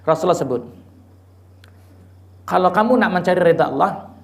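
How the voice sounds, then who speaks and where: A man preaching a lively, teasing religious lecture in a mosque, quizzing the audience and chanting Quranic verses. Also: high-pitched, moderate pace, creaky. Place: mosque gathering.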